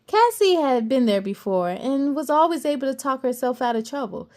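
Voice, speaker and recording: A high-pitched woman reads a children's picture book aloud at a moderate pace, acting as a playful, animated storyteller who makes chatty asides to her young listeners.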